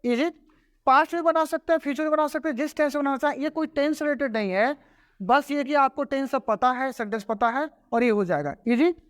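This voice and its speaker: A man's voice: very high-pitched, brisk, dry recording, studio quality. A man teaching a grammar lesson. He repeats each example word by word and often checks whether the class has understood. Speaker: English teacher.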